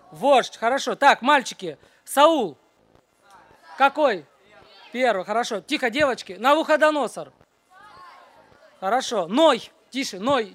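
A woman teaching at a children's church, running a brisk Bible quiz and then a short sermon, and she keeps hushing the noisy group. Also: on the high side.

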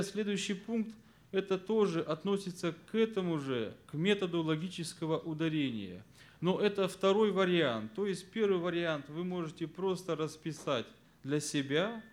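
Earnest male Bible teacher, slightly high voice, instructs fellow teachers. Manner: earnest, stresses key words, drops to soft voice at verse endings; explanatory, addresses listeners as friends. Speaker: Sunday school teacher.

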